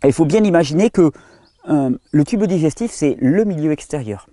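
A French-speaking man hosting a health channel, explaining at length in a casual tone to the viewer, with frequent restarts and study titles read in halting English. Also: a little high, animated, warm tone, no echo. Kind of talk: explanatory monologue.

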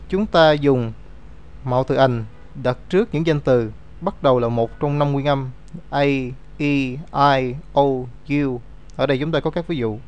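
A man's voice: medium pitch, a little mellow. A man teaching an English grammar lesson, explaining rules step by step and reading out example words.

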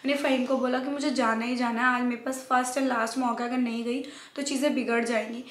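A young woman casually telling her love story as a vlogger, animated, slipping English phrases into her talk and acting out family members' lines. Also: on the high side, fast. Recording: echoey room.

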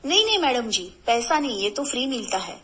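A woman puts on an eager Bihari house servant, a grown man who is polite and keen to please. He speaks up loudly and respectfully, and his voice sits a touch high. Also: very animated, a little fast. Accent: Bihari Hindi.

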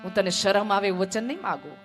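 A woman storyteller voicing the god Krishna as a gentle, affectionate divine friend who pleads softly. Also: high voice, fast talker, faint music behind. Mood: tender.

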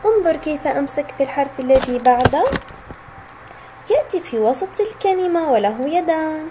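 A woman teaching a recorded lesson for young children. She sounds out letters and words slowly and clearly, and asks questions that she then answers herself. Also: high voice, expressive, background noise. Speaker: kindergarten teacher.

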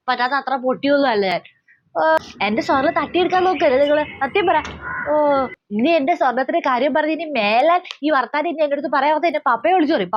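Woman doing a spoiled daddy's-girl bride, high-pitched, sulky, slightly dull recording. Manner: petulant, keeps threatening to tell her father. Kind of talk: comedy skit acting.

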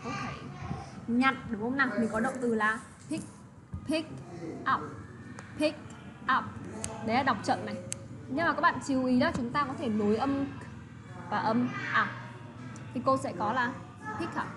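A woman teaching English words to children, repeating phrases slowly and checking in often with tag questions. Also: a little high. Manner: patient, slow model pronunciation with tag questions. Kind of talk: English lesson for children, explained in another language. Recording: steady background noise.

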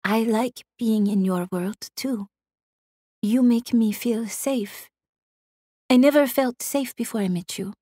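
A woman voicing a tiny, delicate young woman speaks softly in a lilting accent. She asks her questions with shy innocence. The audiobook voice is dry and close. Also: on the high side, slow pace, husky, dry recording, voice pushed up. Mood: innocent.

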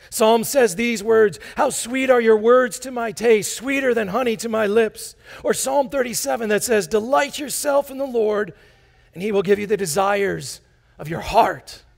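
A man in his forties preaching to his congregation in a church sanctuary, his fairly high voice heavy with gravelly fry. He is animated and playful, pacing the stage and coaxing the crowd to join in. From United States. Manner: walks about the stage as he preaches. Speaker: pastor. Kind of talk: sermon. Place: large church sanctuary, indoors.

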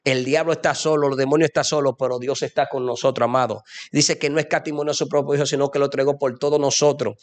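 A man's voice: medium pitch, flat delivery, fast talker, hardly any pauses. A young man telling a fervent religious testimony in a preachy way. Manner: preachy, fervent, addresses listener as "amado". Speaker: guest giving a testimony.

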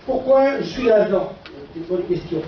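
Older guy with a portuguese accent lecturing haltingly in french, highish voice, really echoey hall. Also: expressive. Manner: halting, non-fluent French with hesitations and short rhetorical questions. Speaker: physician lecturer. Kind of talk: conference lecture with slides. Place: dark auditorium stage at a lectern. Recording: echoey hall, distant camera microphone, muffled, faint noise.

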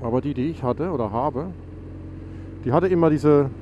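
A man's voice: on the high side, moderate pace, lo-fi sound. A man, stuffy and nasal from a cold, chatting casually while riding a motorcycle and rambling with many fillers. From Germany. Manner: rambling, self-correcting, lots of fillers. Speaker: motovlogger. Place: outdoors on a motorcycle on a country road. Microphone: helmet mic on a motorcycle. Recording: noisy motorcycle wind and engine.

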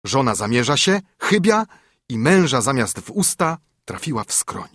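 A man reading a fairy tale aloud, expressive storybook narration on a close mic. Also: medium pitch, normal speed, no echo.

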